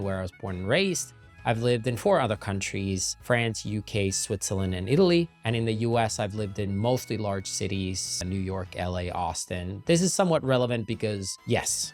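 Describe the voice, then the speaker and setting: A young Finnish man, a YouTuber and entrepreneur, talks casually to the camera at a normal pace with faint music behind him. He's conversational and lively, raising his pitch and volume on key points.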